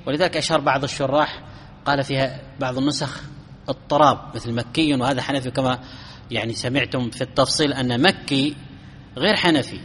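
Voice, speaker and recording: A man giving a classical Arabic grammar lesson, explaining rules step by step, asking his students questions and chanting verses slowly. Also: mid-range voice, fairly bright tone, slight background noise. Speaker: grammar teacher. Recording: long hall reverb.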